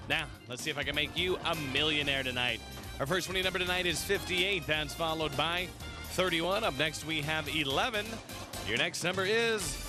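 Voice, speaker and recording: A man speaks as a lottery draw host, in a fairly high voice. He calls out results in an upbeat, measured way, with music clearly playing behind him. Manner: upbeat, measured announcing of each number.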